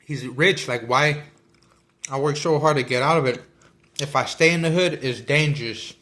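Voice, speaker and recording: A man's voice: medium pitch, normal speed, pushed and bright. Rambling man chatting while eating. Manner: rambling, with many fillers and restarts. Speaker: vlogger discussing a book. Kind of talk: casual chat.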